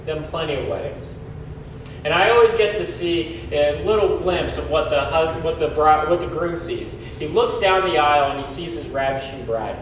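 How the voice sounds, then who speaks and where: A man's voice: on the high side, normal speed. A middle-aged man preaching as a pastor in an emphatic, colloquial, exhorting manner, his voice echoing like in a cathedral. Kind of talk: sermon. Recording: echoey church, distant mic, faint noise.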